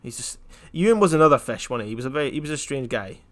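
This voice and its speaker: A young man from Scotland in casual podcast chat, telling jokes in a flat deadpan way and wandering off on tangents. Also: mid-range voice, racing. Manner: deadpan, rambling joke-telling. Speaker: podcast co-host.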